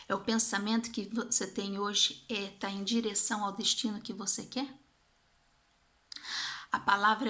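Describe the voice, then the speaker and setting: A woman's voice: medium pitch, a bit bright. A woman with a Brazilian Portuguese accent giving a casual motivational talk, reflective and often repeating and restarting her phrases. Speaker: vlogger.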